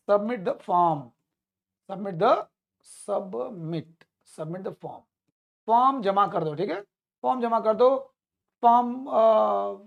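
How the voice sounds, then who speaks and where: A male teacher runs a spoken-English class, repeating each phrase several times as a drill. He often pauses to quiz his listeners and talks to them as comrades, with an emphatic tone. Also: high-pitched, vocal fry, muffled recording.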